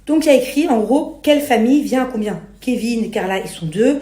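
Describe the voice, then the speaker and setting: A woman's voice: fairly high pitch, lively intonation, a little fast, warm tone. A young adult woman from France talking casually to her followers, exasperated and justifying herself in colloquial slang. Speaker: reality TV personality. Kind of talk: casual spoken rant to followers. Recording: roomy echo on the voice.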